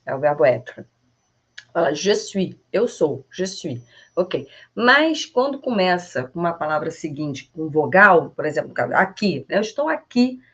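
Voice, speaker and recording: A middle-aged woman from Brazil giving a casual online French lesson, chatty and animated, repeating French phrases slowly and laughing often. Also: on the low side, breathy edge. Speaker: French teacher. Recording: slightly dull lo-fi sound.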